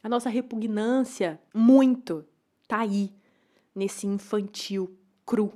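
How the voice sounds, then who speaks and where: A woman's voice: mid-range voice, slow, mellow. A woman with a Brazilian Portuguese accent hosting a podcast, talking through her own week in a candid, confessional monologue. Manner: candid and confessional, with restarts and trailing asides. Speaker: podcast host. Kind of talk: personal reflective monologue.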